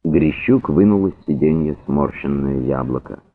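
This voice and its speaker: A man reading literary narration aloud in a measured, even way. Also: rumbling low. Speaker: audiobook reader. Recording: narrow phone-like sound.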